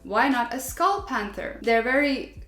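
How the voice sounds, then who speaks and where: In an echoey room, a young vlogger speaks with a fairly high, somewhat bright voice that is animated yet measured in pace. English isn't her native language; she casually reads viewer stories aloud, connecting with them and laughing frequently.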